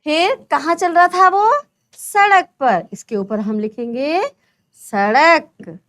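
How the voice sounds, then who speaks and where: Woman, primary teacher, high voice, slow unhurried pace, asks and answers her own questions. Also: big pitch swings, a bit bright. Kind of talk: children's lesson, explaining a textbook.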